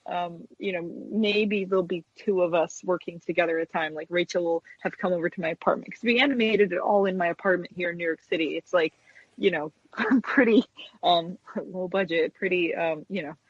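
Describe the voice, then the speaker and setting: As a guest on an interview, an American stop-motion puppet animator speaks briskly in a low-leaning, breathy voice, sharing stories in a casual, hesitant ramble peppered with "you know." The recording is dry, with the highs cut off.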